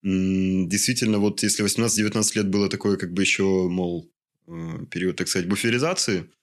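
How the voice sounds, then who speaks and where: A man's voice: sits low, fairly even intonation, fairly quick. A man in his twenties, an interview guest, answering in a hesitant way and searching for words with many fillers. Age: 20s. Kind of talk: casual interview conversation.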